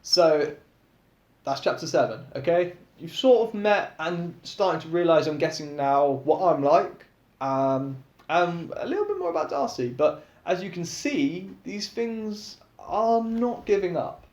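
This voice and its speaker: A man's voice: on the high side, lively intonation, measured pace, darkish tone, dull audio. A young man reading his own book aloud, narrating in a casual, chatty way with asides to listeners. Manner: casual, chatty, laughs between chapters. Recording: echoey room.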